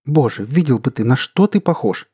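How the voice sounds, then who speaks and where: A man's voice: animated, moderate pace, warm tone, slightly rough, no echo, clean studio sound. A man voicing a middle-aged wife who shrilly scolds her drunk husband. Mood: alarmed scolding. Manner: shrill exclaiming.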